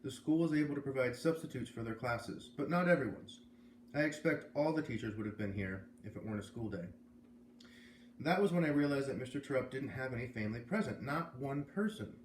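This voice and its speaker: Brisk and animated, a medium-pitched American man hosts a read-aloud of a children's novel, dropping in casual comments along the way. The recording carries a roomy echo and faint background noise.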